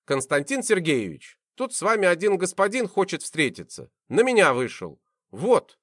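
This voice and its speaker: A man's voice: high voice, big pitch swings, moderate pace, fairly bright tone, no room sound, studio quality. A man voicing a polite male assistant, reporting deferentially to his boss in an audiobook.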